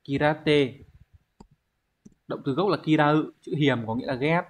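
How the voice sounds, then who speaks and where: In a fairly high voice at a measured pace, a man teaches an online exam-prep language lesson. He lays things out step by step and poses rhetorical questions to his students.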